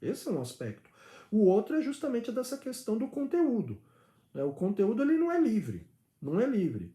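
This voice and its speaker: A man's voice: high-pitched, huge pitch swings, normal speed, mellow, reverberant. A man, a father teaching his daughter at home, giving a reflective spoken opinion with hesitations and little acted-out exchanges. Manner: reflective, argumentative, many hesitations and acted-out dialogue.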